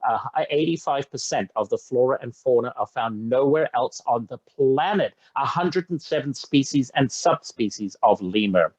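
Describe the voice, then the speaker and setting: A man's voice: medium pitch, expressive, normal speed, hardly any pauses, darkish tone, no echo, low-quality recording. A man from Zambia giving an enthusiastic, effusive presentation on a video call webinar. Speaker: safari travel presenter.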